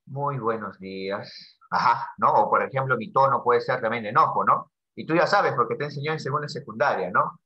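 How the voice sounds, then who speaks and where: A man from Peru, with a Peruvian Spanish accent, speaks quickly at a medium pitch with hardly any pauses. He's teaching a casual lesson, chatty and jokey with his student and fond of tag questions. The recording is dull lo-fi.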